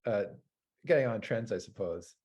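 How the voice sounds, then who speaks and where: A man's voice: fairly low pitch, expressive, normal speed, darkish tone, highs cut off. Hesitant, rambling male farmer host. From North America. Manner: hesitant, rambling with many fillers. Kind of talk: casual interview chat.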